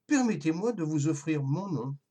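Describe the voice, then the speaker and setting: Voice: mid-range voice, lively intonation, moderate pace, mellow, husky. A storyteller voicing a frightened little rooster who has lost his voice to a sore throat, whimpering and stammering. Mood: grateful.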